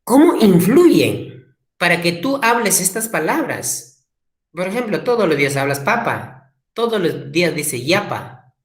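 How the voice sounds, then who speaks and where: A man teaching a language class, slowly repeating key words for emphasis. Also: high-pitched, very animated. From Peru. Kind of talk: classroom lecture. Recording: echoey room.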